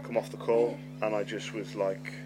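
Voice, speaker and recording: Over loud background music and rough recording quality, a middle-aged man narrates a story on his podcast in a flat, fairly low voice at a moderate pace. A lisp and stammer mark his speech, along with frequent swearing and repeated words.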